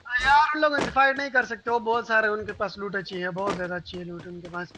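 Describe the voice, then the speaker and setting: A man's voice: high voice, fairly even intonation, quick pace, sharp tone, a little hiss or hum. A man playing a game with friends, giving urgent tactical callouts in casual chat. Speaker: gamer teammate.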